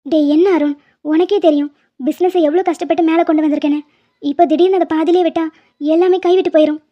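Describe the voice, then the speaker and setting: Woman doing a defensive cartoon mom, high mellow voice, brushes things off, dull lo-fi audio. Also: fairly even intonation, quick pace. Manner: defensive, dismissive. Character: middle-aged mother, busy career woman, defensive.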